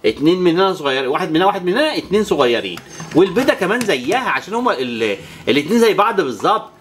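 This toy channel presenter, a woman with an Egyptian Arabic accent, talks to viewers while playing with toys next to a child, counting aloud and making whooshing sounds. Her lowish voice has big pitch swings and she speaks very fast; a little hiss or hum is audible.

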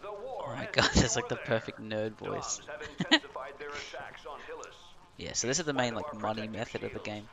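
A man's voice: on the low side, animated, a little slow, gravelly, pauses often, music in the background. A man casually commenting on a video game as he plays, amused and chatty. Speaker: gaming streamer. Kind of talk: let's play commentary.

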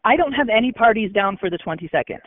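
A man's voice: sits high, lively intonation, quick pace, no room sound. A man at a restaurant taking a phone call over a bad connection, polite, patient and apologetic. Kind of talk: customer service phone call. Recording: tinny phone line, dry.

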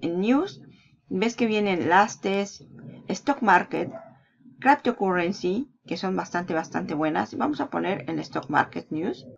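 A woman with a gravelly, creaky edge to her voice guides viewers through a screen-recorded marketing tutorial. She talks casually, pointing things out as she scrolls and waving off details. The audio is dull and lo-fi. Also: on the low side. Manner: casual, walks through search results, trails off with "bla, bla".

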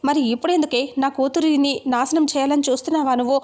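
A woman's voice: high voice, steady tone, fast, darkish tone, lightly acted. A woman reading the lines of a middle-aged mother who scolds harshly. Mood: scolding angry.

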